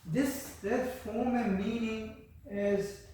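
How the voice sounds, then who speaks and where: An older man from Korea with a Korean accent, giving a university lecture in halting speech full of fillers and restarts. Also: sits high, steady tone, mellow. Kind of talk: classroom lecture. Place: university classroom. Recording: roomy, distant echo with faint ambience.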